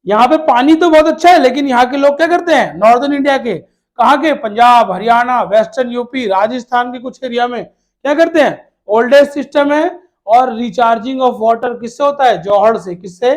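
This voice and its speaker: At normal speed and with a very high-pitched voice, a male teacher leads children through exam prep. He asks questions, answers them himself while repeating key words, and addresses the kids as "beta" in a fatherly way.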